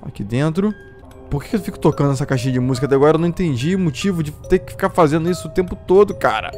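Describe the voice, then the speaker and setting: A gameplay streamer with a somewhat high, darkish voice and lively intonation talks very fast while playing a horror game, game music faint behind him. He's jumpy, exclaiming and yelping at scares and asking himself aloud what to do.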